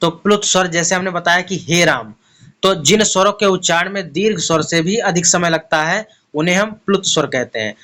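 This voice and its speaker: Male tutor, exam-prep lesson: slowly spells out letters one at a time and poses his own questions, in a high, sharp tone. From India. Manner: explains step by step, asks and answers his own questions. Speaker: teacher.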